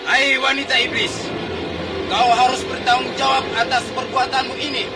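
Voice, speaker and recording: Enraged, high-pitched shouting soldier. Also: male voice, little pitch movement, moderate pace. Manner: shouting threats. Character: enraged brutal royal soldier. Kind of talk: Indonesian radio drama acting. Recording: distant radio drama sound, loud music.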